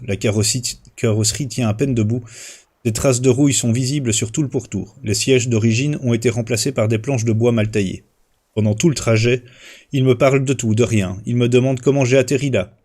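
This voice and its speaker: With a medium-pitched voice, a man reads his first-person short story to a livestream audience. He keeps a measured, even pace, though he makes occasional small slips and starts over.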